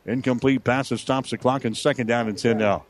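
A man's voice: medium pitch, steady tone, a little fast. An American man doing live play-by-play radio commentary of a football game in short, clipped phrases. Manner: clipped running description of play. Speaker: play-by-play sports announcer. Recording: outdoor broadcast with clear background noise.

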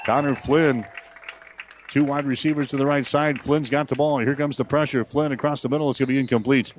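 A man's voice: mid-range voice, fairly even intonation, a little fast, a faint crowd. An American man doing live play-by-play radio commentary of a football game in short, clipped phrases. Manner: clipped running description of play. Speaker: play-by-play sports announcer. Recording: outdoor broadcast with clear background noise.

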